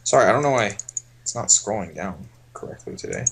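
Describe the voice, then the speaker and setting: Low-voiced man coaching casually. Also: a little fast, vocal fry, breathy edge. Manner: relaxed, thinks aloud while explaining. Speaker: poker coach.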